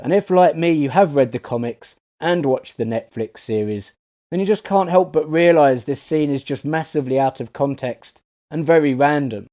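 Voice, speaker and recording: A man's voice: medium pitch, mellow. Sarcastic man ranting in a review. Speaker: TV series reviewer. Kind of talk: scripted review voice-over.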